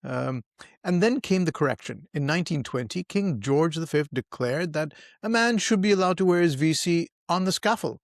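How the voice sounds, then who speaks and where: Gravelly man, reflective podcast co-host. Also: on the high side, expressive, no room sound, clean studio sound. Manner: reflective, measured, breaks into laughs. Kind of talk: casual conversational chat.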